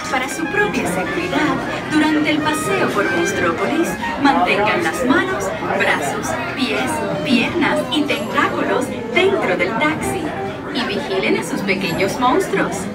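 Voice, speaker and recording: A woman reading a scripted safety announcement that plays over a loudspeaker, measured and clear. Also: high voice, very animated. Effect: played over a loudspeaker. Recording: echoey, distant loudspeaker with loud music and crowd.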